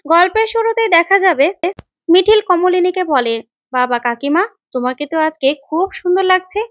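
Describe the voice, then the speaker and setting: High-voiced woman recapping a serial. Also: normal speed, no room sound, dull audio. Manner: lively, switching between narration and quoted lines. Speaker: narrator recapping a TV serial episode. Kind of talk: storytelling recap with read-out dialogue.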